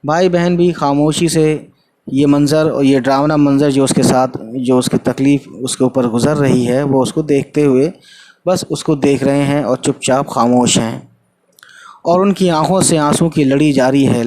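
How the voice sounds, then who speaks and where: A man teaching an Urdu textbook lesson at a middle pitch. He reads each passage, then explains it plainly, slipping in English phrases. He keeps checking that his students follow. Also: fairly even intonation, darkish tone. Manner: reads a line of text, then explains it in simple words, mixing in English.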